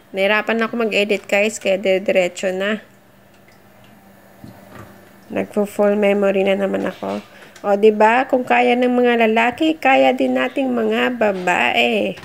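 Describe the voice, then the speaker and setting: Middle-aged woman, gravelly, friendly how-to vlogger, recorded on a phone. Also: mid-range voice. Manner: chatty, encouraging, addresses viewers as guys. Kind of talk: casual how-to vlog. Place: under a kitchen sink at home.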